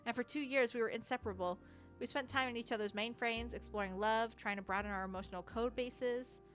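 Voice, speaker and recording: A woman's voice: a little high, faint music behind, natural voice. Woman voicing a heartbroken robot villain. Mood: wistful. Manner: halting, formal, mournful. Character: heartbroken self-aware robot villain, genderless.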